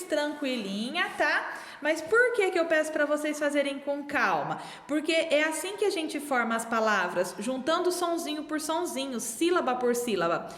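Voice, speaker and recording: High, lively woman teacher in echoey room. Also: a little hiss or hum. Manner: slow, syllable-by-syllable, patient and coaxing. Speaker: primary school teacher. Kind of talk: remote literacy lesson. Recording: echoey room, long reverb.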